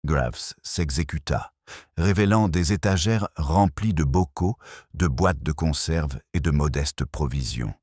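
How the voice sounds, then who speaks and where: Male audiobook narrator, very low, husky, slow even mystery reading. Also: no echo, studio quality. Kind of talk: scripted narration of a mystery story.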